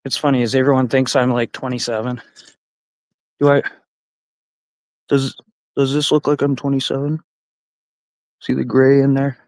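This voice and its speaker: Canadian man in his 40s, live-stream hiking vlogger, rambling profane chatter, dry close sound, mid pitch. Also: little pitch movement, normal speed, pauses often, a little mellow, no echo, low-quality recording. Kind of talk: casual live-stream chat while hiking. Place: outdoors on a forest trail.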